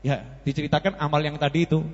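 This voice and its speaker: A man with a Javanese accent preaching a sermon, animated and telling stories, acting out the dialogue as he goes. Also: fairly high pitch, rapid-fire. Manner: animated, acts out dialogue in the story, mixes in Javanese. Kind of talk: sermon with storytelling. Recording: lo-fi echoey hall.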